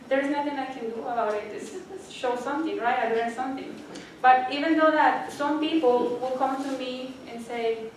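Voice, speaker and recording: A woman's voice: high voice, distant mic, slight background noise. Encouraging woman with an accent, echoey room. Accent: non-native English. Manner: earnest, encouraging, addresses audience directly. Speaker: student speaker. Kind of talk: inspirational speech. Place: library event room.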